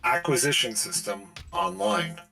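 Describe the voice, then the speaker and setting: An ancient robotic core coming online, voiced by a man. It speaks in slow, clipped system announcements, pitched a bit above a normal male voice, with a bright, forceful edge. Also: big pitch swings, gravelly, soft background music, full character voice. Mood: mechanical. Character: ancient machine core booting up. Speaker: game master.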